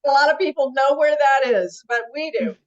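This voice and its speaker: A woman's voice: high-pitched, normal speed, dull audio. A woman from Pennsylvania presenting a webinar, chatting casually and greeting attendees by name over a video call. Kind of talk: casual chat.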